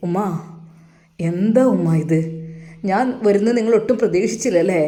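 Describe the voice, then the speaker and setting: A woman's voice: mid-range voice, moderate pace, mellow, natural voice. A woman voicing a hurt grown son back from working abroad who confronts his mother with pressing questions, with a Malappuram Malayalam accent. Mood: reproachful. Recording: roomy echo.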